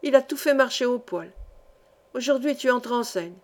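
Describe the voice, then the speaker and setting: Brief: a woman voicing an excitable male journalist, audiobook reading, eager tone. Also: a little high, moderate pace, close to an everyday voice. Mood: enthusiastic. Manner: eager and admiring. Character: cheerful male journalist, enthusiastic.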